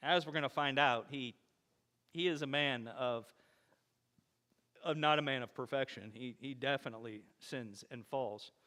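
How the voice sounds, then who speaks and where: A man's voice: mid-range voice, normal speed, pauses often. A male pastor preaching a conversational sermon in a church sanctuary, telling stories and acting out quoted speech. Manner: animated storytelling, acts out quoted speech. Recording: echoey church hall.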